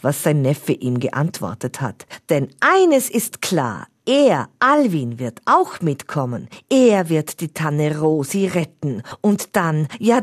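A woman narrates a children's story in an expressive way, in a low voice that moves a lot in pitch. She reads slowly with a husky grain. The recording is dry and close. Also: dry recording. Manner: expressive, does character voices.

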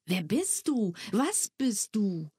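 A woman reading a story aloud, voicing an eager young boy who pleads in a slow, drawn-out way. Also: medium pitch, sing-song, mellow, husky, no echo, studio quality, voice pushed up, exaggerated voice. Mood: curious.

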